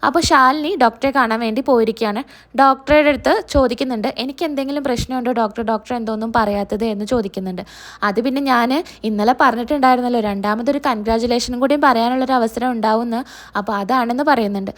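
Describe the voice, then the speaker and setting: A woman's voice: on the high side, fast talker. A woman narrating a recap of a TV serial episode, retelling each character's lines in her own voice. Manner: narrates and voices all characters' quotes herself.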